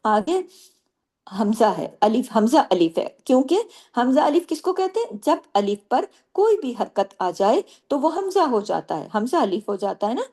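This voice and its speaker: Female tajweed teacher, slightly high voice, patient step-by-step explanations, poses her own questions and answers them, slow drawn-out recitation between points. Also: sing-song, mellow.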